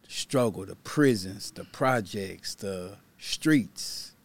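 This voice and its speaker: A pastor and motivational speaker from Baton Rouge, Louisiana, tells his story as a guest in a candid interview. He speaks slowly but with animation in a fairly low voice, keeping things laid-back, plainspoken and slangy.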